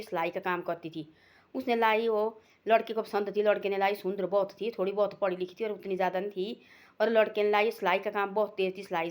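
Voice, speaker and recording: A woman telling a moral story in a homely, rambling way, constantly repeating filler words. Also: medium pitch. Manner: homely, folksy and unpolished. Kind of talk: casual spoken moral story.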